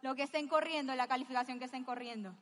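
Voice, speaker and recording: A woman's voice: high-pitched, steady tone, fast, long reverb tail. A woman co-leading a seminar, emphatically declaiming affirmations and guiding an audience exercise in an auditorium. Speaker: seminar co-presenter.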